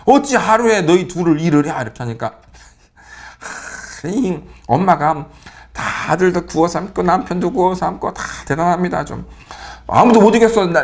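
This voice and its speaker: A man teaching about a Bible character in a joking, lively way, full of rhetorical questions. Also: high-pitched. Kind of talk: humorous Bible character talk.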